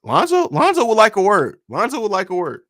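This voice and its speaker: A man's voice: sits high, wildly swooping pitch, a little fast, fairly bright tone, no room sound, clean studio sound. A man hosting a live stream, chatting casually and answering viewer comments with frequent fillers. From grew up in Italy and Germany. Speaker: podcast host.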